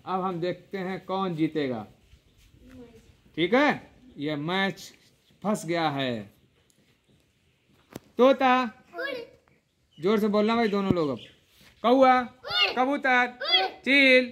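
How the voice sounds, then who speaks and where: Woman teacher leading a kids' game: loud, half-shouted calls, playful teasing, slow and deliberate delivery. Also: lowish voice, lively intonation. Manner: calls out words loudly, often half-shouting. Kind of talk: leading a children's group game.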